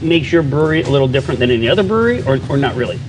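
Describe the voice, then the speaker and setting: A man hosting a casual talk show, teasing his guests with quick jokes, recorded on a studio set. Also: medium pitch, very animated. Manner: joking, teasing, quick banter. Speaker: show host. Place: bar-style studio set. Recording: loud crowd noise behind.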